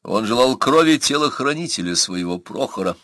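Bright, dry-voiced male audiobook narrator. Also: expressive, normal speed, dry recording. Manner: acts out characters with raised pitch and louder voice. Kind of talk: audiobook reading with character voices.

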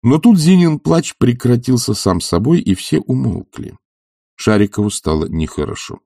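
A man narrating a novel in a measured, expressive storytelling manner. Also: medium pitch, creaky, dry recording, studio quality. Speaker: audiobook narrator. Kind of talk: scripted literary narration.

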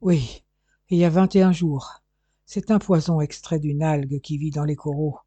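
A man voicing a dying older male detective who speaks weakly and haltingly, short of breath, in an audiobook. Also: a little high, steady tone, mellow, husky, dry recording, muffled recording. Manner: weak, halting, breathless speech.

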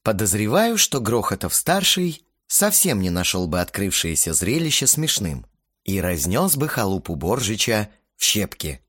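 A man's voice: on the low side, fairly bright tone, no echo. A man narrating an audiobook in a wry, amused way, close to the mic. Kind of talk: audiobook reading.

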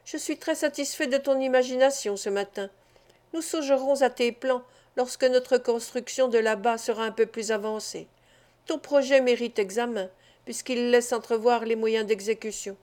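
A woman's voice: a little high, normal speed, darkish tone, close to an everyday voice. A woman reading the part of a kindly, wise father speaking to his sons in an audiobook. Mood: approving. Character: kindly wise father, family head, gently teasing.

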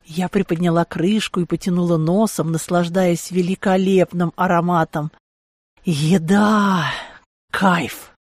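A woman reading a first-person audiobook in a lively, ironic storytelling manner. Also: lowish voice, moderate pace, hardly any pauses, no room sound, studio quality. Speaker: audiobook narrator.

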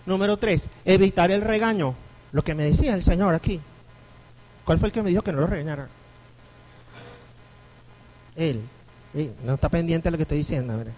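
Animated Venezuelan priest lecturing. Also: male voice, fairly high pitch, fairly quick, pauses often, rough recording. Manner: animated storyteller, acts out quoted voices. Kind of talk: lecture to a parish group.

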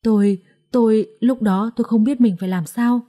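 A woman's voice: on the high side, steady tone, moderate pace, mellow, natural voice. Storybook casting: a frightened old servant woman, sobbing and begging, as a woman narrator plays her. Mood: pleading. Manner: sobbing pleas.

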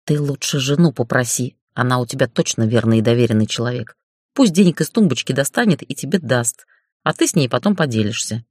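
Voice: mid-range voice, animated, fairly quick, slightly rough, no room sound, clean studio sound, voice pushed down. A narrator doing a young woman accountant. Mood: defiant. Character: timid young female office accountant. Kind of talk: audiobook character voice.

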